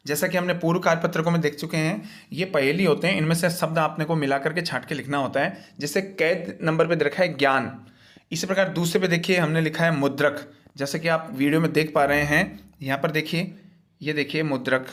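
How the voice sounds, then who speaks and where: A man's voice: fairly high pitch, a bit bright. A man teaching as he walks through a worksheet's answers, explaining each one patiently and step by step in a repetitive way.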